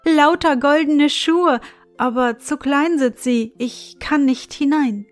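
A woman putting on a high, eager little fairy-tale girl. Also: fairly even intonation, normal speed, darkish tone, faint music behind, close to an everyday voice. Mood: excited.

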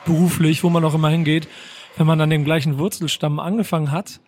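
Male interviewer, rapid and chatty, a touch high-pitched, casual talk show. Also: flat delivery, a little mellow. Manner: quick, chatty, thinking aloud with fillers. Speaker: podcast host.

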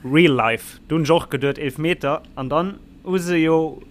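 Ein Mann mit luxemburgischem Akzent plaudert locker über Fußball. Seine Stimme liegt etwas höher als üblich. Er witzelt gern und lacht viel. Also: male voice, a little high, normal speed. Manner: joking, laughs often. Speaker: podcast co-host. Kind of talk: casual sports chat.

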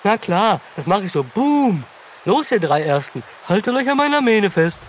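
A man's voice: sits high, sing-song, normal speed, a little hiss or hum. A man voicing a cheerful, eager young male horse in a children's audio story, talking in a bouncy, silly way. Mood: excited.

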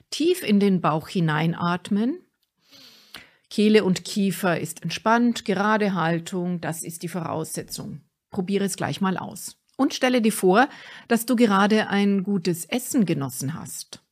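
A middle-aged woman, a speaking coach, giving a clear and deliberate instructive talk from a script. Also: mid-range voice. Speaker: speaking coach and podcast host.

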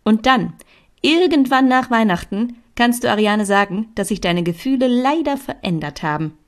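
A woman's voice: fairly high pitch, expressive, normal speed, voice pushed up. A woman putting on a bossy young friend. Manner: pushy, urging, lecturing.

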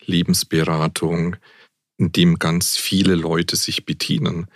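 A man's voice: sits low, little pitch movement, measured pace, dry recording, clean studio sound. A man who is a Jesuit priest, speaking as a guest in a frank, outspoken and thoughtful way, with occasional fillers. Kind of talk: reflective conversation.

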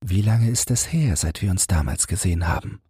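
A man voicing an enigmatic young woman who coaxes and laughs in an intimate, inviting way, in a calm spoken storybook. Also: low voice, a little fast, slightly rough, dry recording, clean studio sound, heavily acted. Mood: teasing.

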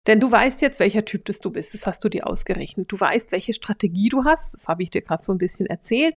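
A woman with a Swiss German accent, hosting a solo podcast and explaining her subject in a lively way, now and then acting out short quoted voices. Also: medium pitch, fast talker. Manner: lively, acts out little quoted voices, drops to a whisper for emphasis. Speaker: podcast host and Human Design coach.

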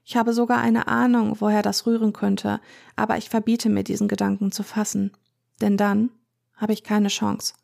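A woman narrating a first-person story in a measured, tense way. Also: mid-range voice, little pitch movement, gravelly, a little mellow. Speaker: audiobook narrator.

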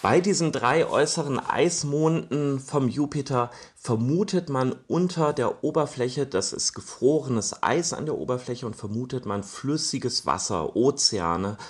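A man's voice: medium pitch, lively intonation, a little slow, hardly any pauses, a little hiss or hum. A man speaking as an astronomy expert, explaining science to children in plain, explanatory words.

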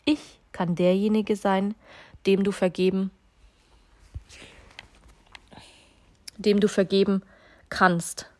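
Woman reading as a kind loving soul, hushed, soft and low, storybook, dry sound. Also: little pitch movement, a little slow, no echo, close to an everyday voice. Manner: quiet, low and hushed, half-whispered.

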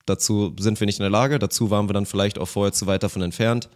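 A man co-hosting a podcast, talking through a topic in an animated, ranting way with rhetorical questions. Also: fairly low pitch, fast talker. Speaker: podcast co-host. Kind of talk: casual podcast chat.

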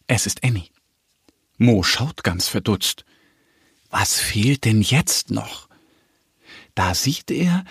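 Man, children's story narration, dry close sound, slow delivery. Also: medium pitch, slightly rough, no room sound. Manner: gentle, expressive storytelling.

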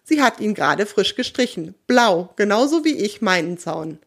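A woman voicing a kindly middle-aged woman who keeps pigeons, in a warm, chatty manner. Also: medium pitch, big pitch swings, normal speed, creaky, slightly rough, exaggerated voice.

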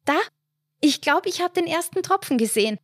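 A woman voicing an excitable, stubborn elderly wife in a read short story. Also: medium pitch, measured pace, no echo, clean studio sound, voice pushed up. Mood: triumphant. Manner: excited, insistent, triumphant.

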